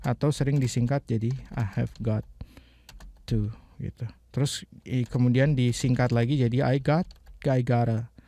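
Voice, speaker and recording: Mellow, relaxed male teacher. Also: medium pitch, no room sound. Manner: relaxed, chatty, repeats phrases slowly while explaining. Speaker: English teacher. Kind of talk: casual explanatory lesson.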